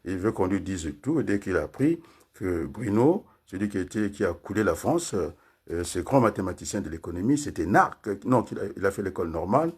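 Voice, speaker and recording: This political commentator, an older Congolese man, has a low, slightly rough voice with a darkish tone, delivered very animatedly and a little fast. He rambles through politics, often ending points with tag questions to the room and leaning on fillers.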